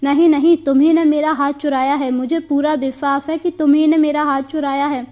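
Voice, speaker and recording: A grumbling, jealous merchant from a folk tale protests in a whiny, high voice, as a woman reads him out. He complains and bristles, his lines delivered in a simple storybook manner. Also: little pitch movement, moderate pace, dark tone, dull audio, lightly acted. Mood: protesting. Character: greedy, jealous middle-aged male merchant. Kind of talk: storybook character voice.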